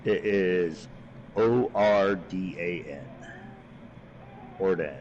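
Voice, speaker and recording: Low-voiced man, casual game player. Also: drawn-out words, darkish tone, highs cut off. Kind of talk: casual chat. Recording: faint background noise, online voice chat.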